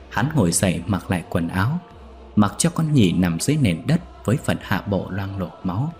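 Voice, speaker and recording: A man narrating a scripted ghost story in a measured, steady way. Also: on the low side.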